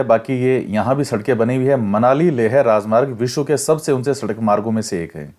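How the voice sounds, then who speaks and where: A man's voice: medium pitch, a little mellow. Man explaining a textbook lesson. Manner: explains step by step, repeats key facts for exam prep. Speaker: teacher. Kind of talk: classroom lecture reading and explaining a textbook.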